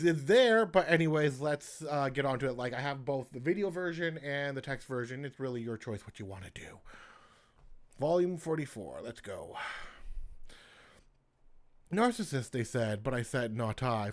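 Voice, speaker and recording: A man hosts his own poetry channel, reading his poems aloud casually in a medium-pitched voice. When he stumbles, he starts the line over.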